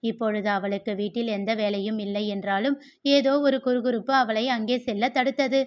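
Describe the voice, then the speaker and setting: Woman narrating a novel, fairly high. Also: level tone, normal speed. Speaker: story narrator. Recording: dull lo-fi recording.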